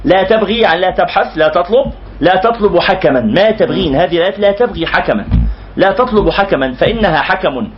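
A man's voice: high-pitched, lively intonation, fast talker, dull audio, a little hiss or hum. A man with an Egyptian accent teaching a lecture, explaining terms word by word and restating them again and again. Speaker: religious teacher. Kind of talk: lecture explaining a classical poem.

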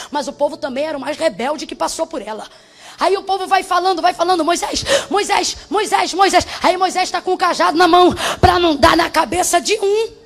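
Woman preacher, high voice, fiery sermon with shouted refrains and tongues, faint music bed.

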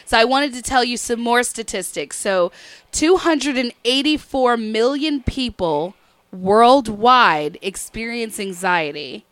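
A woman's voice: a little high, animated, slow, a bit bright, dry recording. A woman in casual podcast chat, talking openly and reflectively and laughing often.

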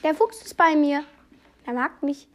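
Giggly high-voiced woman co-player. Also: a little slow. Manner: short loud reactions, giggly. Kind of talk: casual gaming chat.

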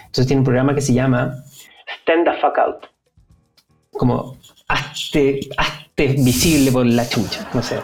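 A man's voice: medium pitch, fairly even intonation, measured pace, soft background music. A man with a Chilean accent, a podcast guest chatting casually with plenty of fillers and restarts. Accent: Chilean Spanish. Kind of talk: casual interview chat.

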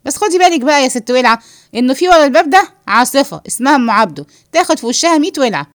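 A woman's voice: high voice, sing-song, rapid-fire, no room sound, studio quality. A woman voicing a cheeky, joking man with an Egyptian accent in a read-aloud play, teasing the others. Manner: teasing, wisecracking. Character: cheeky, joking man, carefree while eating.

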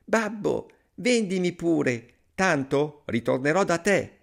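Brief: a tiny eager boy for a fairy-tale reading, high and chirpy, voiced by a man. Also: sing-song, slow pace, gravelly, exaggerated voice. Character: tiny thumb-sized boy, bright and eager.

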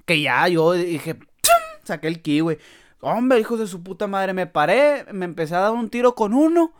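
A man's voice: sits high, expressive, moderate pace. A man with a Mexican accent, hosting a podcast and telling a story in casual comic style, full of crude slang and frequent laughter. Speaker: podcast host.

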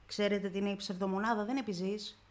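A mid-range female voice with fairly even intonation belongs to a radio interview guest. She relives her own emotional story vividly, voicing the dialogue herself and peppering it with "I say, she says."

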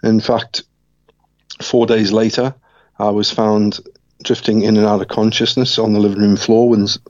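A middle-aged man from Scotland recounts his life story as an interview guest. His voice sits low and stays flat, and he speaks in a measured, reflective way with small restarts. The recording is dry and a little muffled. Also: no room sound.

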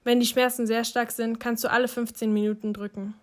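Woman reading as a calm, worried mother. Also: fairly high pitch, brisk, lightly acted. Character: worried, practical middle-aged mother.

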